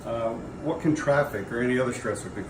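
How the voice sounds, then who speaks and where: A man's voice: medium pitch, quick pace. A man speaking casually and conversationally about his own experience as an ice bath practitioner. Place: garage. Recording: echoey garage, clear background noise.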